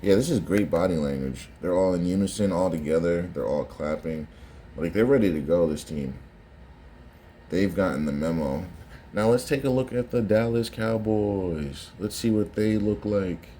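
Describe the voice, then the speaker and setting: Really deep mellow guy doing casual sports reaction, bit of noise behind him. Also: moderate pace. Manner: conversational, repeats phrases for emphasis.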